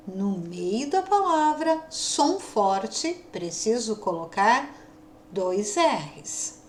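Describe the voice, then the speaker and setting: A woman teacher with a São Paulo countryside caipira accent, giving a video lesson to young children and sounding out syllables slowly. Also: medium pitch, reverberant, a little hiss or hum. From São Paulo state, Brazil. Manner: slow, drawn-out sounding of syllables. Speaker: primary school teacher.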